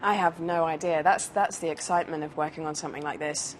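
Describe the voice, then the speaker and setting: A woman's voice: low-pitched, fairly even intonation, quick pace, a little hiss or hum. A British woman, an actress, chatting casually in an interview, rambling with many fillers and restarts. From United Kingdom.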